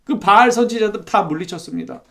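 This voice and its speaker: A man's voice: high-pitched, quick pace, a bit bright. A male pastor preaching an expository sermon in a church, reading scripture aloud and asking the congregation questions. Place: church sanctuary.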